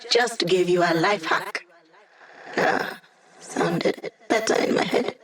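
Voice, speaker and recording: A woman's voice: lowish voice, huge pitch swings, slow pace, gravelly, exaggerated voice. An actress playing an upbeat, wry female hacker who gives a squad mission support in a video game, with playful, teasing, casual delivery.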